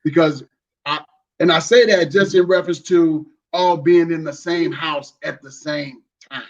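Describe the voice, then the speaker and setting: A man's voice: fairly high pitch, steady tone, a little slow. Muffled, distant man on video call. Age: 40s. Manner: talkative, chuckling, loose and informal. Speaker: guest husband. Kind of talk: casual chat.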